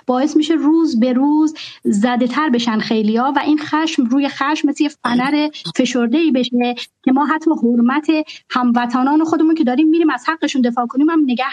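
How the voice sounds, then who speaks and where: A woman makes her case on a discussion show, earnest and measured. Her voice sits a little high, and the audio sounds dull and lo-fi. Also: darkish tone. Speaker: guest. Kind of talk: discussion with a host.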